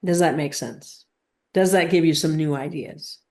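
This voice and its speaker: A low, slightly mellow female voice guides a spiritual teaching, speaking deliberately and haltingly, with emphatic pauses and guiding questions along the way.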